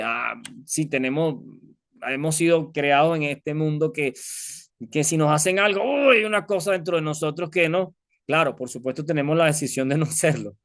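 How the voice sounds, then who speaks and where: A man's voice: fairly high pitch, fairly bright tone, dry recording, studio quality. A man preaching a conversational sermon, telling an illustration and asking his listeners many rhetorical questions.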